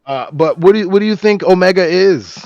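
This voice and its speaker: Excitable rambling man, dry dull sound. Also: sits high, brisk, dry recording. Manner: excitable, rambling with many restarts. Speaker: podcast co-host. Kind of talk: casual chat.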